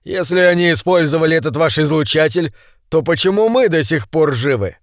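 A man reading an audiobook, voicing a composed army colonel who speaks quietly and firmly. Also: fairly high pitch, expressive, fairly quick, no echo, clean studio sound. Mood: calm. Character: calm steady male army colonel.

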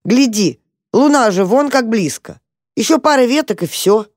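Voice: mid-range voice, normal speed, no room sound, clean studio sound, voice pushed up, close to an everyday voice. A storyteller voicing an eager, bossy young male mouse who coaxes his little brother along. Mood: coaxing. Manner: coaxing, excitable. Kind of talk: storybook character voice.

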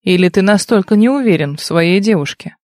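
A woman's voice: mid-range voice, expressive, brisk, a little mellow, no echo, clean studio sound, close to an everyday voice. A woman voicing a smug young man who talks down to others with sneering condescension in an audiobook. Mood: mocking. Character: smug mocking young man, old rival.

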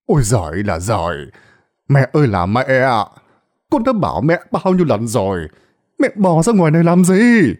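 A man voicing a fat, drunken middle-aged son who scolds his mother loudly and impatiently. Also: mid-range voice, sing-song, brisk, breathy edge. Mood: scolding.

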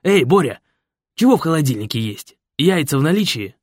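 A man doing a loud, brash biker designer. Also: a little high, big pitch swings, fairly quick, dry recording, clean studio sound, pitched above the performer's own voice. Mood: boisterous. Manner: slangy, bossy and boisterous. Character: brash loud male biker designer Fred, pushy, jovial. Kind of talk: audiobook character voice.

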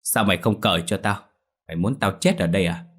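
A possessed young man with a spiteful ghost inside him, his speech a thin, eerie rasp, pleading and cursing by turns, as a man reads him in a ghost story. The voice sits deep. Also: fast, fairly bright tone. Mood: angry. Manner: wheedling then cursing.

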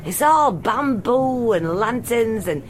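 A middle-aged woman performing a brash comic monologue, swinging from loud to quiet. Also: on the high side, lively intonation, slow, a little hiss or hum. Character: brash middle-aged female ex-reality star. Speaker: solo stage performer.

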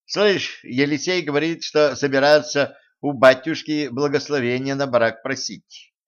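A man's voice: medium pitch, fairly even intonation, unhurried, highs cut off, pitched above the performer's own voice, lightly acted. A man reading an audiobook, voicing a haughty, spoiled young tsarevna who talks in a brash, mocking, folksy way. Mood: boastful.

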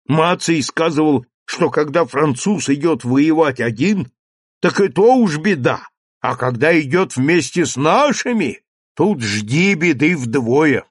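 A man's voice: on the high side, expressive, takes it slowly, slightly rough, no room sound, clean studio sound, pitched above the performer's own voice, exaggerated voice. A man voicing a gloomy female cook in an audiobook, plain-spoken and grim.

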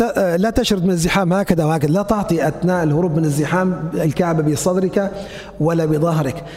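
A man's voice: a little high, darkish tone. A man giving a religious lecture, demonstrating steps and asking and answering his own questions. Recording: long hall reverb.

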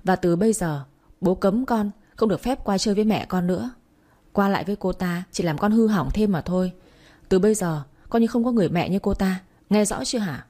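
A woman voicing a stern, angry middle-aged father who shouts and scolds, in a Vietnamese audio story. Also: medium pitch, fairly quick, close to an everyday voice. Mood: angry scolding.

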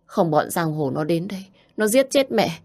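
A woman's voice: on the low side, big pitch swings, normal speed, a little mellow. A woman voicing a desperate middle-aged mother in debt, who pleads with her daughter in a tearful voice. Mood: coaxing.

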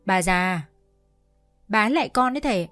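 Một người phụ nữ đọc lời một cậu bé nhỏ được nuông chiều, giọng non nớt, hay nũng nịu. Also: female voice, mid-range voice, lively intonation, moderate pace, fairly bright tone, no room sound, soft background music, close to an everyday voice. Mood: eager. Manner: chirpy childish pleading. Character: small pampered boy, eager and bossy.

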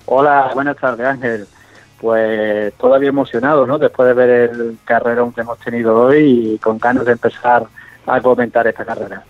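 A man's voice: medium pitch, fairly even intonation, moderate pace, no echo. A man from giving casual sports commentary as a podcast co-host. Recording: tinny phone-like call, music behind. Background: music.

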